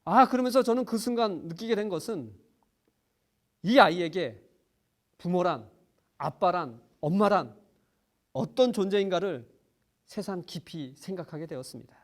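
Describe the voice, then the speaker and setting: A man's voice: high-pitched, expressive, normal speed, long pauses. A man preaching a sermon, telling a personal story earnestly, with frequent small fillers and phrases that swell for emphasis.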